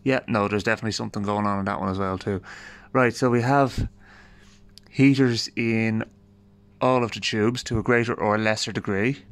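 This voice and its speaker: An Irish man with a lowish voice talks at a moderate pace, his intonation fairly even. Hosting a radio repair video in a garage and filming on a handheld phone, he offers informal, hands-on commentary while thinking aloud, dryly understated.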